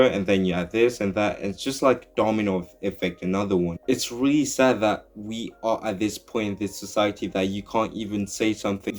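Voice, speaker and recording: Low-voiced young man giving opinions. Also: darkish tone. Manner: earnest, opinionated, rambling with restarts. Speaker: YouTuber. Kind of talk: opinion commentary vlog.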